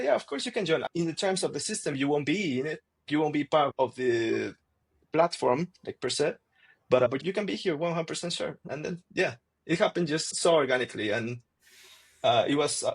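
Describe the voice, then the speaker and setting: Husky young man telling a story. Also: a little high, animated, a little fast. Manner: loose storytelling with fillers. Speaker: student guest. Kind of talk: casual interview.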